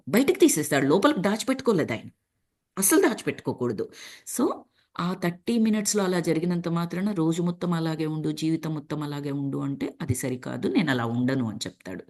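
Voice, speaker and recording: Low-voiced woman telling a story conversationally. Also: darkish tone. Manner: conversational, mixes English words into speech; addresses listeners as masters. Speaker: meditation group speaker. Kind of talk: casual spoken talk retelling a film scene.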